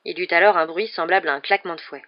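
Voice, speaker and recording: A woman reading a novel aloud in steady, clear storytelling, on a muffled lo-fi recording. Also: fairly low pitch, very fast. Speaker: audiobook reader.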